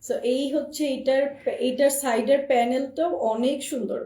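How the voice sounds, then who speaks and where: Hoarse, high-voiced woman selling dresses live. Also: fairly even intonation, normal speed, warm tone. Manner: chatty, addresses viewers directly, repeats herself. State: hoarse from a cold. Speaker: online clothing seller. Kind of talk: live-stream product showcase. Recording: roomy echo, voice far from the mic.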